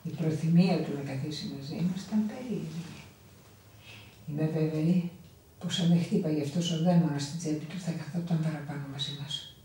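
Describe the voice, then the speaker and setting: A woman performing a dramatic audio monologue, swinging between hushed brooding, shrill scolding and soft cooing. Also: recorded from a distance, a little hiss or hum. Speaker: narrator and lead performer. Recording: echoey room, from afar.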